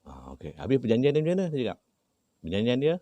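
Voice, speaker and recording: A man's voice: medium pitch, huge pitch swings, racing, warm tone, dry recording, lo-fi sound. A man with a Malaysian Malay accent, a traditional healer telling a story in a casual way. He gets dramatic and raises his voice when he quotes himself.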